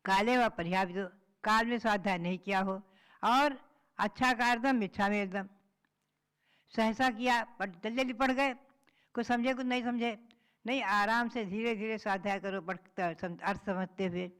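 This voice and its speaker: Nun teaching scripture, woman, smooth clean voice, recites a verse then explains it slowly. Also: mid-range voice, steady tone, fairly bright tone. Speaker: Jain nun giving a scripture discourse. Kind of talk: religious discourse.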